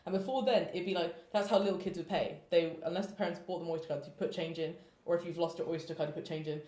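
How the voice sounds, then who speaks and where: Fast-talking young woman, echoey. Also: on the low side, fairly even intonation, dark tone. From London. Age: late teens. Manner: chatty, quick, swears casually. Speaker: podcast host. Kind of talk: casual chat. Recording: echoey room.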